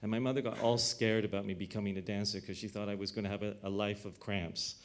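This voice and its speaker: A middle-aged man from Canada speaks in a slightly low voice, telling things directly and drifting into short anecdotes. He hesitates now and then with small fillers, sounding like a director answering questions in a rehearsal studio. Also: fairly even intonation, fast. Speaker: artistic director leading a Q&A. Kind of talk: candid conversational talk.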